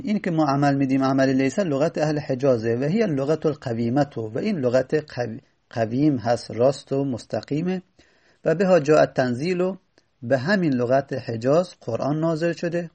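Brief: male teacher, slightly high, gravelly, patient step-by-step explainer. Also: a little mellow. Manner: patient, repeats examples slowly. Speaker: teacher of Arabic grammar. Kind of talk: explaining lesson.

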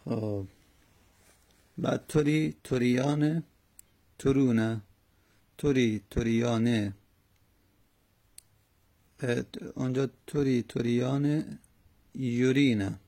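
Gravelly, dark-voiced male grammar teacher. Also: medium pitch. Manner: slow methodical conjugation drilling with fillers. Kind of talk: Arabic morphology lesson in Persian.

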